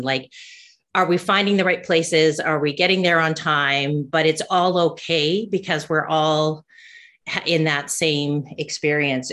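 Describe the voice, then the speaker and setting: Woman, low pitch, casual chat, rambling, lots of ums. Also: fairly bright tone. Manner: rambling with frequent fillers and restarts. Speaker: ADHD coach and podcast host.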